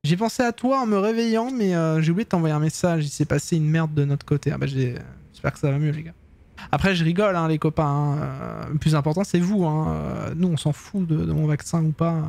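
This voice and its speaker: A man's voice: a little high, a little fast, vocal fry, a little mellow. A man streaming, chatting casually and teasingly with his viewers in slangy talk.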